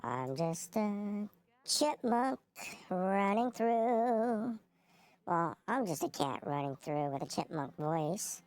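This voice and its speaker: A man putting on a high chipmunk voice for a chatty cat character while commenting on a game he plays. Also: lively intonation, slow, no echo, full character voice. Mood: playful. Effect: sped-up high chipmunk-style voice. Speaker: gamer narrating his play. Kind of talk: let's-play commentary.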